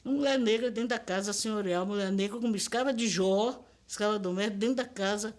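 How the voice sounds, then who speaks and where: Talking fast in a mid-range voice, this older Bahian-accented woman appears as a linguist in a documentary interview. She lectures with emphasis and throws out rhetorical questions.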